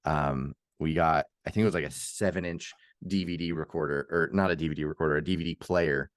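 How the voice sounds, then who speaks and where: A man's voice: very deep voice, fairly even intonation, a little fast, dry recording, studio quality. A man co-hosting a casual podcast chat, rambling off on tangents and laughing often. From United States. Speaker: podcast co-host.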